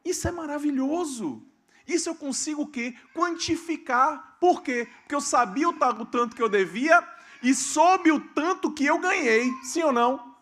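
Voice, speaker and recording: A man preaching a sermon as pastor, asking questions of the congregation and swinging between loud emphasis and quiet asides. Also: very high voice, moderate pace. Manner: calls out questions to the congregation and waits for amens. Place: church hall.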